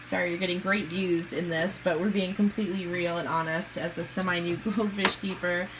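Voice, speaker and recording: A woman narrating a casual home video about her fish tank in a chatty, excitable way, with giggles and self-corrections. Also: lowish voice, brisk, background noise. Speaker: goldfish keeper vlogger.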